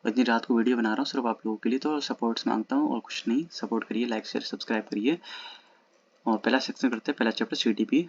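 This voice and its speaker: An exam-prep teacher reviews old exam questions in a casual lesson recorded at home at night, reading the English questions slowly before explaining them quickly in Hindi. The man's voice is medium-pitched, and the audio is dull.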